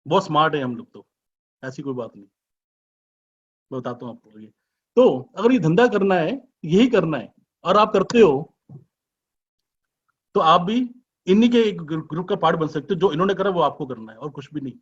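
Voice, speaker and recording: A man giving a business presentation as an informal sales pitch, chatty and persuasive, full of rhetorical questions and teasing asides. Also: lively intonation, moderate pace, pauses often, breathy edge. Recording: dull lo-fi recording.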